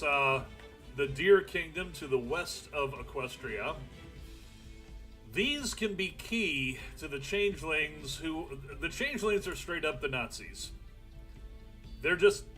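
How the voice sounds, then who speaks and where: A man's voice: on the high side, sharp tone. A young man streaming a strategy game, thinking aloud in casual, rambling commentary with the odd swear.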